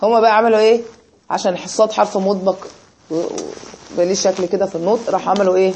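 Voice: medium pitch, little pitch movement, very fast, a little mellow, slight background noise, rough recording. A teacher with an Egyptian Arabic accent, explaining a grammar lesson and asking rhetorical questions to check understanding.

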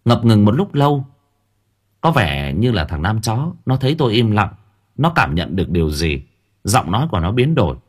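Husky low-voiced male storyteller. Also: normal speed. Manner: dramatic, expressive, stammering in tense dialogue. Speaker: audiobook narrator. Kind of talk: first-person story narration.

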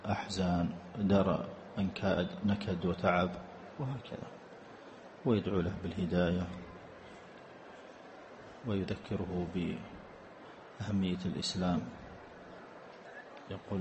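Deep gravelly man teaching a religious lesson. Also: fairly even intonation, noisy background. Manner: reads out questions, then explains deliberately. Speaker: mosque teacher answering questions. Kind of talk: religious lesson with questions and answers. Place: large mosque.

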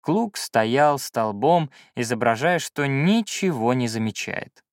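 A man narrating a first-person fantasy audiobook in an expressive storytelling manner. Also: mid-range voice, slow, no echo, clean studio sound.

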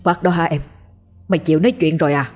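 A worried older man barks questions into the phone, put on by a woman reading a ghost story. His voice sits low and husky, pushed hard with alarm. Faint music plays underneath. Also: fast, a little mellow. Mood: puzzled. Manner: anxious, demanding, brusque. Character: frightened older man on a night phone call.

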